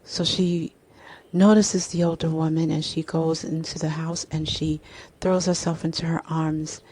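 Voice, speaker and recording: A woman narrating a story slowly and deliberately, with repetitions. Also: low-pitched, flat delivery, a little mellow, breathy edge. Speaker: speaker.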